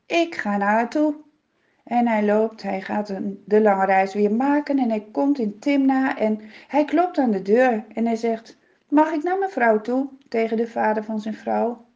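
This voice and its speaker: A woman's voice: a little high, measured pace, dark tone. A woman telling a Bible story for children in a dramatic, vivid way, repeating words for effect. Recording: dull lo-fi recording.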